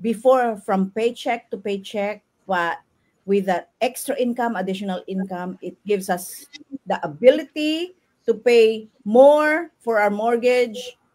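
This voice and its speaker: A woman hosting a casual live stream from her home, chatting warmly with Filipino fillers. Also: a little high, unhurried. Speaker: host. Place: home in New Zealand.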